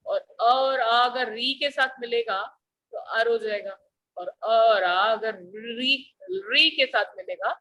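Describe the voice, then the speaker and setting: A woman teacher walks her class through a grammar lesson at an unhurried pace. Her voice sits a little high and sounds bright and clear, and she keeps checking in with questions. A faint hiss runs underneath. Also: rough recording. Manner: slow, patient explaining with repeated questions to students.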